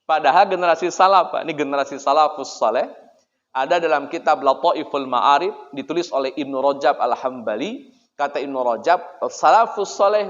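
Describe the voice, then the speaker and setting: A man preaching an Islamic sermon in a relaxed, conversational way, cracking jokes and speaking straight to his listeners. His voice sits a little high. The recording is muffled and rings with long hall reverb. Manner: chatty and joking, often addressing listeners directly. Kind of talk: casual sermon to a congregation. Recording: dull, echoey hall recording.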